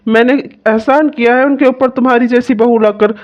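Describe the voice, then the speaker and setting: A voice actor playing a kind young husband in a cartoon who gently comforts his wife. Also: mid-range voice, steady tone, a little fast, lo-fi sound, natural voice. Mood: reassuring. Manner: gentle, coaxing, reassuring. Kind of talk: cartoon voice acting.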